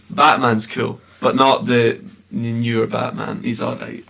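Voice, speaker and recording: A man's voice: mid-range voice, flat delivery, slow, gravelly, bright, forceful tone. A young man with a Scottish accent, chatting casually about films as a podcast host. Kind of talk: casual film chat.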